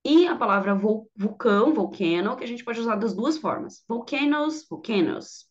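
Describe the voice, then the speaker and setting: A woman's voice: fairly high pitch, lively intonation, normal speed. A woman, teaching English grammar in an online lesson, patient and repeating each word for her students. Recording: dull lo-fi audio.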